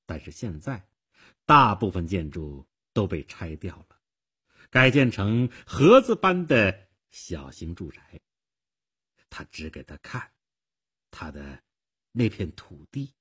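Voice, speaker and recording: A man reading a long story aloud for radio in measured, expressive narration with a husky voice. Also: lowish voice.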